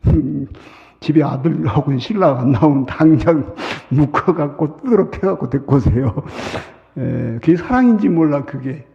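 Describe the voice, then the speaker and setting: Pastor preaching in a sanctuary with a long reverb; dramatic, whispers to shouts, raspy edge. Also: male voice, a little high, lively intonation, moderate pace. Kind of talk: sermon. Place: church sanctuary. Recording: muffled sound with long hall reverb.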